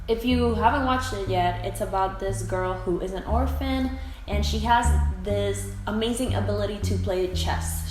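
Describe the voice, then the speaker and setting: A young vlogger from the Dominican Republic, whose first language is Spanish, speaks English in a medium-pitched voice from her apartment room. She's chatty and giggly, full of quick asides, in an echoey room with background music.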